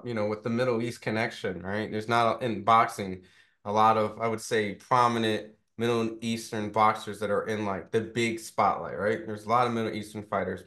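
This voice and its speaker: A man with a voice on the low side and a fairly bright tone interviews a boxer casually. He's chatty and filler-heavy, constantly tacking "right?" onto what he says.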